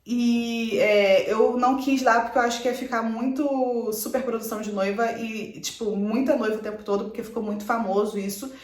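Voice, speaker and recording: A woman in her twenties chatting quickly to camera, telling a personal story with lively asides. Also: on the high side, roomy sound. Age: 20s. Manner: chatty, fast, animated retelling with quoted asides. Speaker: vlogger.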